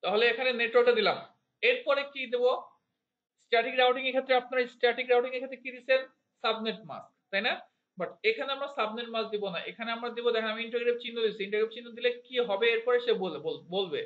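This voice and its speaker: Man, Bangladeshi Bengali accent, networking instructor, high voice, quizzes the class, counts digits aloud, echoey room. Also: rapid-fire. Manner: asks students questions and makes them repeat terms. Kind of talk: classroom lecture. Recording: roomy, slightly dull classroom recording.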